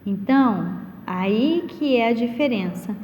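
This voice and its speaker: A woman's voice: a little high, expressive, a little mellow. A woman teacher giving a recorded lesson to young pupils, patiently asking questions and answering them herself. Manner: slow, patient, questions and answers her own questions. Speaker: primary school teacher. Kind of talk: recorded online class lesson. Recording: long reverb.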